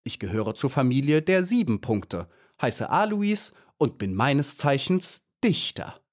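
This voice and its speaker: Man voicing a grandiose beetle poet for a storybook, lively swooping pitch, unhurried. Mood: pompous. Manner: grandiose, self-important, theatrical. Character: pompous little male ladybird poet.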